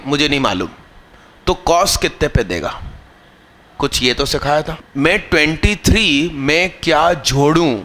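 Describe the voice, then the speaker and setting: Male math teacher, live class, slow and deliberate, bright voice, scolds and quizzes pupils. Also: fairly high pitch. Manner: scolding, teasing students mid-lesson; questions the class and drills terms slowly.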